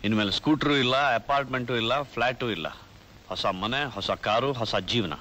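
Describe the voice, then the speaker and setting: An actor playing a devoted young lover who speaks softly and earnestly. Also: male voice, medium pitch, brisk, a little hiss or hum, close to an everyday voice. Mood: tender. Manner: soft, tender, earnest. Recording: film soundtrack with music under. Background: film score music.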